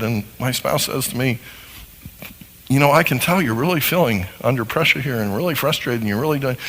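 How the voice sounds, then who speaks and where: A man giving a seminar talk to a live audience, animated and acting out little scenes as he explains. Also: medium pitch, long reverb tail, poor audio. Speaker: marriage seminar speaker.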